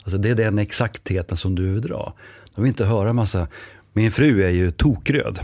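A man's voice: fairly low pitch, no echo, clean studio sound. Livlig man med norrländsk dialekt. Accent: northern Swedish. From northern Sweden. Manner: lively storyteller, acts out dialogue. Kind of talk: podcast conversation.

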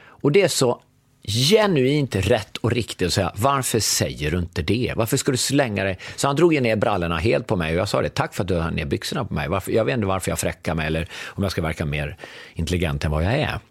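A man's voice: fairly low pitch, animated, vocal fry, breathy edge, no echo, clean studio sound. A middle-aged man, a guest on a conversational show, telling a story and acting out the dialogue in it. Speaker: podcast guest.

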